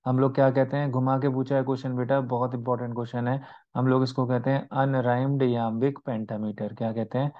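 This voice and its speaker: A man with an Indian accent teaching an online exam-prep class, mixing Hindi and English and asking and answering his own questions. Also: mid-range voice. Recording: slightly dull lo-fi audio.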